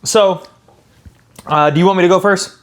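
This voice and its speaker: A man's voice: high-pitched, fairly even intonation, moderate pace, fairly bright tone. A man hosting a casual tabletop game walkthrough, explaining the rules step by step and thinking aloud as he plays. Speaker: host explaining and playing a card game.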